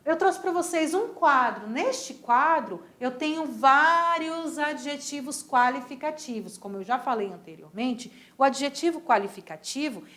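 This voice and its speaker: A woman with a Brazilian Portuguese accent teaching a recorded Spanish lesson, patiently repeating words slowly to model pronunciation. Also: high voice, fairly bright tone, echoey room.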